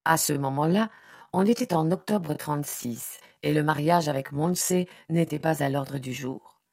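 A woman narrates a literary novel with measured expression. Her voice sits low and carries a gravelly fry. The recording is close and dry. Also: darkish tone, no echo. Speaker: audiobook narrator. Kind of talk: literary audiobook reading.

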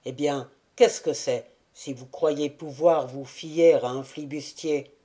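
A woman reading the part of a surly, brooding old male buccaneer gunner, voiced lower and grumbling. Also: steady tone, slow pace, dark tone. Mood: gruff.

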